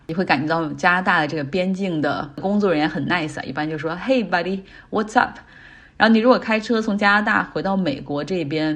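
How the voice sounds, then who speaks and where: A woman's voice: lowish voice, fairly bright tone. A middle-aged woman hosting a casual talk podcast, chatting and explaining English words in Chinese as she goes. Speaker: podcast host. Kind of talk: casual commentary.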